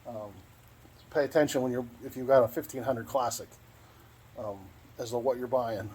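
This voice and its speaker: This American vlogger has a mid-range, slightly mellow voice with fairly even intonation and normal speed. Outdoors by his parked truck, he casually walks through his radio install in a rambling, folksy, unscripted way, often repeating himself, on handheld video with clear background noise.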